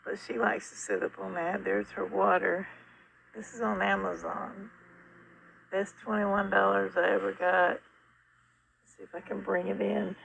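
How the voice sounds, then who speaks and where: An older woman with a gravelly, hoarse voice and a sore throat, chatting casually in a rambling, folksy, blunt way. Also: mid-range voice, flat delivery, a little slow, fairly bright tone. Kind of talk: casual update about a rescued stray kitten. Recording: faint noise, muffled at times by mask.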